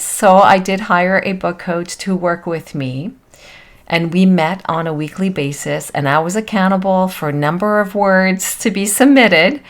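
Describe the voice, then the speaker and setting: A woman hosting a motivational self-help podcast, talking in an encouraging, earnest, conversational way like a self-help influencer and life coach. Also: on the low side.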